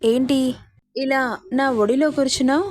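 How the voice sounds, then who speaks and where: A woman's voice: sits high, fairly even intonation, moderate pace, dry recording, lightly acted. A woman reading the part of an affectionate, teasing young husband in a story.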